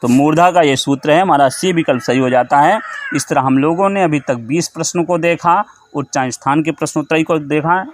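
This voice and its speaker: Male teacher, slightly high voice, steady exam-prep quiz delivery with deliberate repetition. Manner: methodical, repeats answers and rules slowly. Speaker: Sanskrit grammar teacher.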